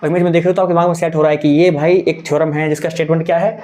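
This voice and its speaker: A man's voice: a little high, level tone, racing, mellow. A young adult man teaching a maths exam-prep lesson, talking in a coaxing, repetitive way and mixing in English terms.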